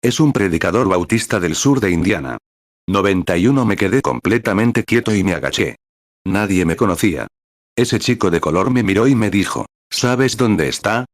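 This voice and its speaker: A man with a very low voice reads a translated sermon as a personal life story. He keeps a plain storytelling manner and calls out each paragraph number as he goes. The sound is dry and close, with no room echo. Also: expressive, brisk. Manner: reads paragraph numbers aloud between passages. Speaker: sermon reader.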